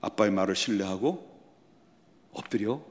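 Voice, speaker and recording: A male pastor delivering a sermon, often asking his congregation rhetorical questions and building to loud, emphatic passages. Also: fairly low pitch, lively intonation, normal speed. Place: church sanctuary. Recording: long church hall reverb.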